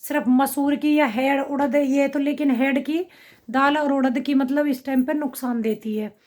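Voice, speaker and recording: A woman's voice: sits high, fairly even intonation, moderate pace, darkish tone. A middle-aged woman with a slight cough, chatting to her viewers in a rambling account of her family's day. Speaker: family vlogger. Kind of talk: casual vlog talk to camera.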